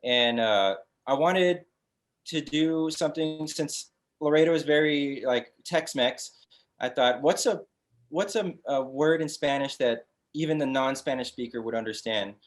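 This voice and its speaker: A man, a brewery founder chatting as a guest on an interview show, relaxed and full of fillers and restarts. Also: mid-range voice, unhurried. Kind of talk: casual interview chat.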